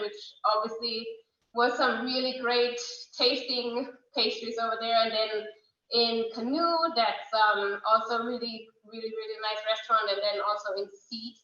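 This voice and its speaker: A woman's voice: a little high, sharp tone. A German woman hosting an online cooking class, talking chattily and eagerly with many fillers, with a German accent, heard over a distant laptop mic in her kitchen. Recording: echoey, distant, muffled video call audio.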